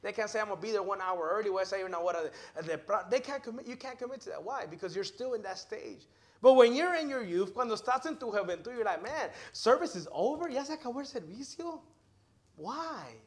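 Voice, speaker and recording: A man with a very high voice preaches a sermon in a church service. He switches between English and Spanish line by line and calls his listener "hermano". His delivery is energetic, rising loud on key words and dropping to quiet asides. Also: quick pace. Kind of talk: bilingual sermon, preaching and translating himself.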